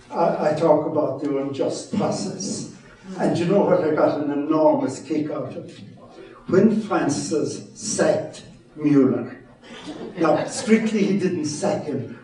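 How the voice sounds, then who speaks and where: A man's voice: fairly high pitch, dark tone. Echoey West of Ireland man in his seventies. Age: 70s. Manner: wry, self-deprecating, chuckling storyteller. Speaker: retired mission priest, guest speaker. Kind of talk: informal public talk with anecdotes. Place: large echoey room before an audience. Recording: echoey hall, distant microphone.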